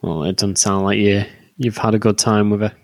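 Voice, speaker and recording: A man's voice: lowish voice, fairly even intonation, fairly quick, dry recording. A young man co-hosting a casual gaming podcast, easygoing and asking dry questions. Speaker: podcast co-host.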